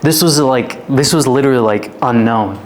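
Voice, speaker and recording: As a guest on a podcast, a man in his twenties from Canada, a fitness influencer, tells his life story. He has a medium-pitched voice and keeps a moderate pace. The casual interview has him rambling, his speech filled with fillers, above all "like."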